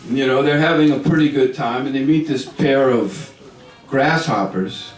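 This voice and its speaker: A man's voice: mid-range voice, moderate pace. A man telling a story live, rambling with chuckling asides, in a music store. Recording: roomy store from a distance.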